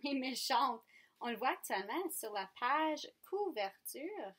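A woman with a Franco-Ontarian French accent teaches young children, speaking slowly and clearly in a high voice. Her coaxing tone invites the kids to answer. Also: big pitch swings, fairly bright tone. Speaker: kindergarten teacher. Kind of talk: online phonics lesson for young children.

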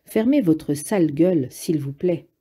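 Woman doing a tired young partisan guy, curt and low, husky, dark tone. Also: lively intonation, unhurried, exaggerated voice. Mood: curt, weary. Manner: curt, exasperated. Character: weary younger male partisan, blunt.

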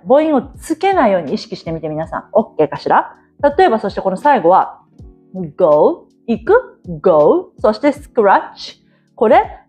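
A woman's voice: on the high side, highs cut off. A woman teaching as an English coach in a casual lecture, coaxing her listeners and sounding out words as she drills them.

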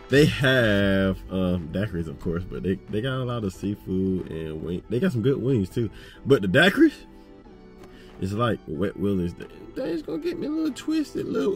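A young man with a fairly low voice rambles to his phone camera from the driver's seat. His talk is relaxed and full of slang, like a casual daily vlog update. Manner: laid-back slangy rambling. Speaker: vlogger. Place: inside a car. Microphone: phone held at arm's length.

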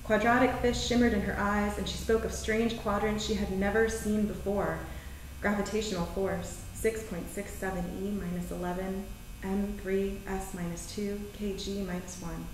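With brief introductions between pieces, a poet in her thirties reads her poetry and prose at a live theater event, measured and deliberate throughout. Her voice is mid-range with fairly even intonation. A distant camera microphone picks her up in the very echoey indoor theater, along with faint noise.

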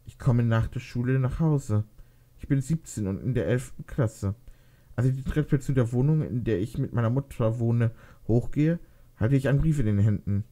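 A man's voice: medium pitch, moderate pace, mellow, close to an everyday voice. A man voicing an uncertain, hesitant teenage girl who has lost her memory, in a read-aloud fan fiction story. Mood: unsure.

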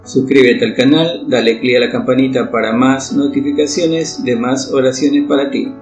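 A man reciting a devotional prayer in a solemn, pleading, measured way. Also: medium pitch, steady tone. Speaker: prayer reader. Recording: very echoey reverberant room, soft guitar behind.

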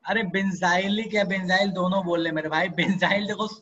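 A man's voice: high voice, fairly even intonation, fairly quick, a bit bright, muffled recording. A man teaching chemistry in a live online class, coaxing students with repeated checks, mixing English terms into Hindi, and answering questions from students by name. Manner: coaxing, repeats "ठीक है" and "ध्यान दो", asks and answers own questions.

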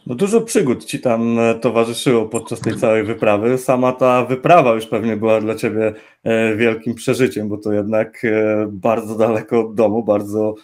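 A young Polish man hosts an interview over a video call from an indoor room with a gaming chair, wearing a headset. His voice is on the low side and a little mellow, at a moderate pace with few pauses. He asks long, winding questions full of fillers.

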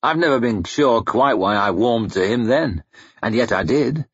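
A man's voice: medium pitch, animated, moderate pace, fairly bright tone, slightly rough, no room sound, dull audio. A man voicing a weary, sick middle-aged man who speaks in a wry, understated way.

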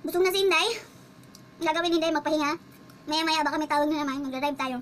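Chatty high-voiced woman vlogger. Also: steady tone, very fast, a bit bright, a little hiss or hum. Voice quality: chatty, laughs while telling. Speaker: household driver and vlogger. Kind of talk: casual storytelling vlog.

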